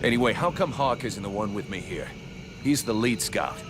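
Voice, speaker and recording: An actor playing a stubborn young mercenary hero in a video game, blunt and grumbling. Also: male voice, on the low side, lively intonation, moderate pace, natural voice. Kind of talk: video game character acting. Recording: music behind the voice.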